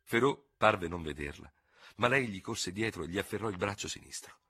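A man narrating a novel in a dramatic, expressive reading style. His low voice is husky yet strikingly forceful, with a lively, rolling melody. The recording is dry and close to the mic. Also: fairly quick, no room sound. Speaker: audiobook reader.

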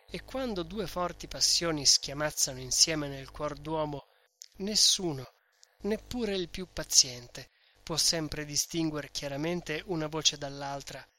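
A man narrating a classic novel aloud in a measured, literary reading. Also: on the high side, pushed and bright.

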